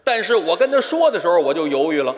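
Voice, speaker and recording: A man performs live stage crosstalk as the lead comic, telling a story and acting out the dialogue. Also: fairly high pitch. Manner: animated storytelling that switches quickly into acted dialogue. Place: large theater stage. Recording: live theater hall reverb.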